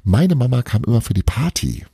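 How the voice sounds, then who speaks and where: A man's voice: medium pitch, huge pitch swings, a little fast, creaky, dark tone, breathy edge, no room sound, clean studio sound, voice pushed up, heavily acted. A man reading a storybook aloud, voicing a cheeky girl who insists on her wild tales in a playful, teasing manner. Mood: insistent.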